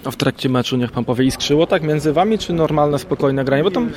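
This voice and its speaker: Higher-voiced male sports reporter. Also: fast talker, crowd noise. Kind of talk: post-match interview questions.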